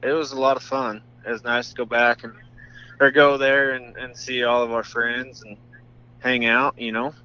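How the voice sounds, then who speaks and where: Man on a phone call, dull lo-fi line, bright tense voice, dry teasing banter. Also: medium pitch, flat delivery, moderate pace, clean tone. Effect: heard over a phone line. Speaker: phone-in guest. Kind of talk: casual phone chat. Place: driving in a pickup truck.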